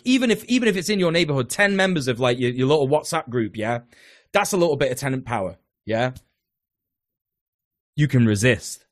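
Man, podcast host, casual rambling chat, mid-pitched, dry close recording. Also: no echo. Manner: rambling, many fillers and restarts, swearing.

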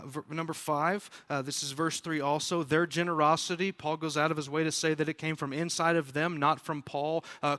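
A man preaching a sermon as pastor, talking conversationally with frequent fillers and restarts, and growing animated when he acts out quotes. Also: a little high.

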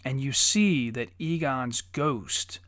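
A man in his thirties, a father and podcast co-host, telling stories in lively casual chat, swearing often and acting out quotes. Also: medium pitch, takes it slowly, dry recording, clean studio sound. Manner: animated storyteller, swears often, acts out quotes.

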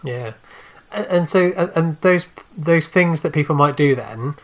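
A man's voice: a little high, unhurried. A man hosting a podcast interview, asking questions hesitantly with many restarts and fillers. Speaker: podcast host.

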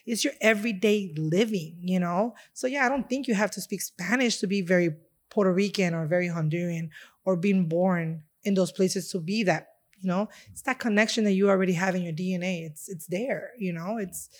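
Here the same Chicago restaurant owner talks briskly in a fairly low pitch. Chatting casually as an interview guest, she reflects on her heritage with warmth, wandering and filling gaps with plenty of filler words.

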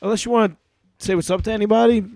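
Man, podcast host, casual rambling chat, somewhat high voice, dry sound. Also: steady tone, dark tone, no room sound. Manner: rambling, halting, with fillers and profanity.

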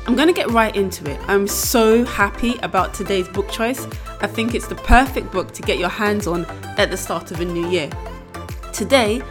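A woman's voice: medium pitch, music in the background. A woman hosting a podcast, talking casually with a friend and often searching for her words. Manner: chatty, searches for words with fillers and quick apologies. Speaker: podcast host.

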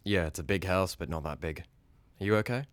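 An actor playing a soft-spoken young man whose hesitant affection turns obsessive and frantic. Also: sits low, brisk, no echo, natural voice. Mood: gentle. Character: lovesick young man turning obsessive and violent. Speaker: actor in an audio drama.

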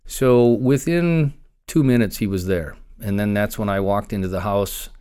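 A man, a former county investigator, recounting a personal story in an interview with measured pauses. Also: on the low side, warm tone, smooth.

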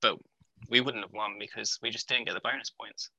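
Male podcast co-host, sharp bright tone, dry sound, analytical casual sports chat. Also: fairly low pitch, steady tone, fairly quick, vocal fry, dry recording, poor audio.

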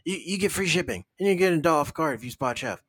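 A man's voice: fairly high pitch, animated, racing, fairly bright tone, no room sound, studio quality. A man co-hosting a podcast, joking and mock-exasperated as he riffs through a comedic ad read and banter. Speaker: podcast co-host reading a sponsor ad.

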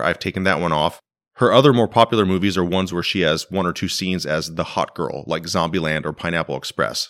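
A man's voice: low-pitched, a bit bright. A man hosting a podcast in casual, wry conversational commentary, recorded in a living room. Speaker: podcast host. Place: living room used as a home studio.

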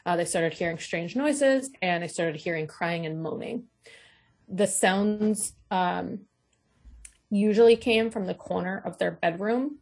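A woman co-host telling a researched ghost story on a radio talk show, relaxed and pausing with frequent fillers. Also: on the low side. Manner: relaxed, hesitant with many "um"s.

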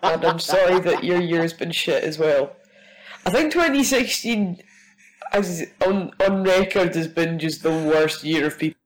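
Full of a cold and sounding rough, a woman leaves a heartfelt voice message for a host as a listener, swearing and laughing through tears. Her voice is lowish and measured, and the recording quality is low.

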